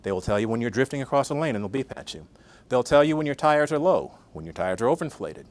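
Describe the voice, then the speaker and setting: A man's voice: medium pitch, lively intonation, quick pace. An older man giving a conversational conference talk, often asking the audience questions. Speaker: guest speaker.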